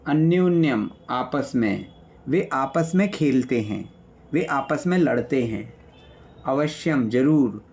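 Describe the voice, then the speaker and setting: A man's voice: mid-range voice, darkish tone, lo-fi sound. A man teaching an online grammar class, patiently explaining and listing word meanings, often checking in with his students. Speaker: Sanskrit teacher. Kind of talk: online class revision lecture.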